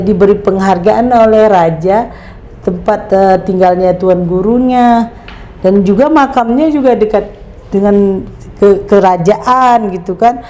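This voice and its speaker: A woman's voice: mid-range voice, warm tone. A middle-aged woman from Indonesia, speaking as an interview guest and making her points emphatically with rhetorical questions. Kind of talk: conversational interview.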